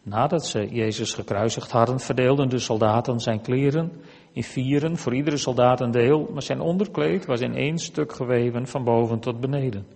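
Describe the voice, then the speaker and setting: A man giving a measured, deliberate scripture reading in a church. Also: medium pitch, vocal fry, darkish tone, husky, in a large hall. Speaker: scripture reader.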